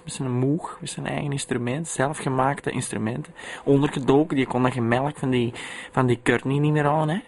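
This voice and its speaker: A man with a Flemish accent hosting a radio show, rambling and repeating himself in gruff dialect. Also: medium pitch. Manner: repetitive, tacks "hè" onto lines, gruff dialect. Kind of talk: rambling comic radio monologue.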